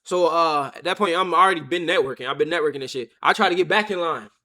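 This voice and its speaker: A young man, telling a story to his live chat on a webcam mic and acting out the other people's lines with lively energy. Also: a little high, fast. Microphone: webcam or phone on a stand.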